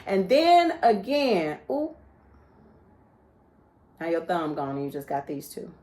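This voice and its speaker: A woman speaking in a slightly low voice, telling a lively inspirational story. She talks in a casual, conversational way, often checking in with her listeners and acting out the voices of the people she describes. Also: slow. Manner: conversational, asks "right?" often. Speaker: motivational speaker. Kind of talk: informal inspirational talk.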